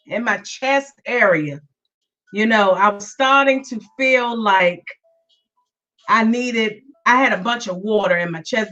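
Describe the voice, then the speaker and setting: Live-streaming her podcast, a woman chats casually, repeats herself and welcomes listeners by name, her slightly high, sharp-toned voice still weak from illness. The sound is dull, lo-fi and a little far off.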